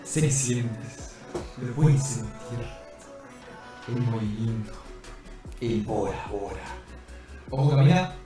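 A man's voice: takes it slowly, long pauses. A man streaming a game in casual, playful chat, his voice wrapped in a heavy canyon-like echo. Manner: playful, chatty, thanks viewers by name. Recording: booming echo, voice set back from the mic, faint music.

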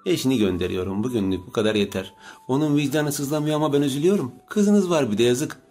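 A man's voice: mid-range voice, expressive, fast talker, darkish tone, soft background music, pitched above the performer's own voice, natural voice. A man voicing an obsessive, pushy young woman in an audiobook, with a raised, pleading delivery. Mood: taunting. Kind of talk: audiobook character reading.

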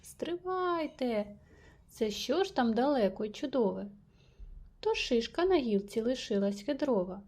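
A woman reading a rhyming children's story aloud with lively, playful emphasis. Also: fairly high pitch, moderate pace, breathy edge. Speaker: reader.

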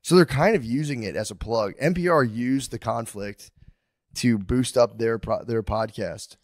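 A man in his thirties, a podcast co-host, telling stories in a deadpan, rambling way in casual chat. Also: mid-range voice, moderate pace, no room sound, clean studio sound. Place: living room studio with couches. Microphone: handheld mic.

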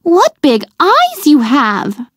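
Woman acting a innocent little storybook girl, high-pitched, singsong, exclaiming, very animated. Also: slow, dry recording, studio quality, full character voice. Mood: amazed. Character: sweet, innocent little girl of a fairy tale.

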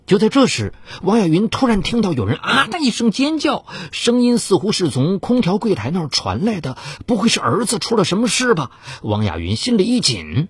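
A man's voice: huge pitch swings, brisk, few pauses, breathy edge, no room sound. A man narrating a dramatized true-crime story in a theatrical, suspenseful way. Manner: theatrical, swings of pitch for suspense.

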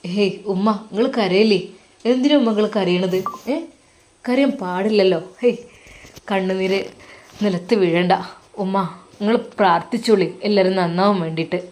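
A woman puts on a devout young husband who comforts grieving elders, gentle and respectful in a Malappuram Malayalam accent. He speaks at an ordinary middle pitch, steady and reassuring, in a storybook tale. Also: moderate pace, pauses often, close to an everyday voice. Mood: consoling.

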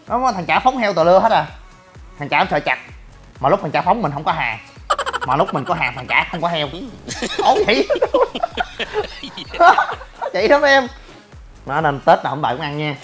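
A young man, talking bluntly and brashly in a rambling livestream monologue. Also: sits high. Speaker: gym owner and online personality.

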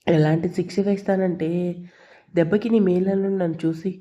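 Blunt teasing young actress, as a lady narrator does her, dark mellow tone, muffled lo-fi. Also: on the low side, steady tone, brisk, close to an everyday voice. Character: bold, fearless young actress. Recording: dull lo-fi recording.

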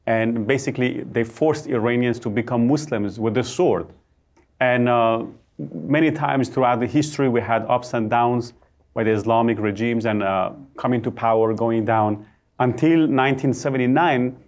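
A man's voice: medium pitch, moderate pace, darkish tone. A man in his thirties from Iran, with a Persian accent, speaking earnestly as a studio guest with many hesitations. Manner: earnest, with frequent "uh" fillers. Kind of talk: interview testimony. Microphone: lapel mic.

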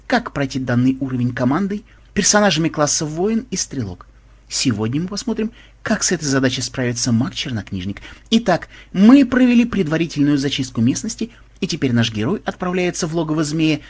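A man's voice: fairly high pitch, breathy edge. A man voicing a sugary young woman reporting on a game for an audiobook. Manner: syrupy, presenter-like delivery.

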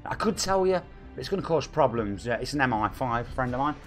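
A man in his forties from England, speaking with a Nottingham accent, chats casually on a live stream and cheekily reads viewer comments aloud. His mid-range voice has lively intonation and a fairly bright tone, moving a little fast. Faint music plays in the background.

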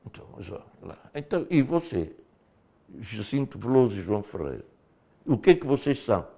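A gravelly, medium-pitched voice belongs to an older man from Mozambique, a former liberation fighter, telling his story in a studio interview. He speaks briskly and animatedly, with frequent casual fillers.

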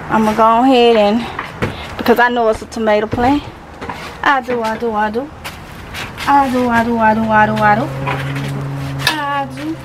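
A gardening vlogger from Mississippi talks casually to the camera in a Southern accent while working in a small outdoor greenhouse tent, calling her viewers y'all and repeating herself. Her voice is on the high side, and there's background noise.

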